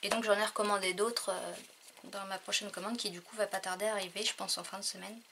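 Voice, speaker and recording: A woman's voice: medium pitch, steady tone, fast talker, noisy background. Hesitant woman filming a craft haul. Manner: hesitant, many fillers, trails off quietly. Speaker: crafting vlogger. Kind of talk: casual haul vlog.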